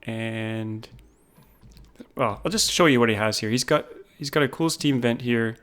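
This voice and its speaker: A man casually talking through a game base, thinking aloud with frequent pauses. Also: medium pitch, a bit bright. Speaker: gaming YouTuber. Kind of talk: casual gameplay commentary.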